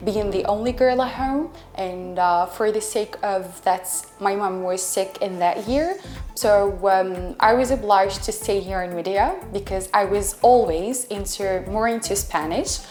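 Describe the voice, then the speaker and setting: A mid-range, slightly mellow voice belongs to this twenty-one-year-old woman from Algeria, an Arabic speaker who studies and teaches English. She responds to interview questions hesitantly in English, often searching for the right words, recorded in an echoey room with faint music.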